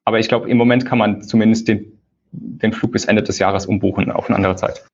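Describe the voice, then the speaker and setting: A man being interviewed over a low-quality phone call, explaining things at length in a loose, conversational way. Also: fairly even intonation, a little fast, a little hiss or hum. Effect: low-quality phone call recording. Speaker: conference lead organizer, interview guest. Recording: dull lo-fi phone call audio.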